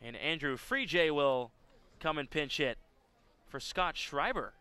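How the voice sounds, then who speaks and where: Bright, clear male baseball play-by-play announcer. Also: on the high side, lively intonation, measured pace. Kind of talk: live sports commentary.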